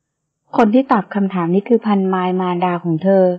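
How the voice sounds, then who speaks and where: A woman narrating a romance audio novel in a calm, measured storytelling way. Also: mid-range voice, breathy edge, dull audio. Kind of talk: scripted narration.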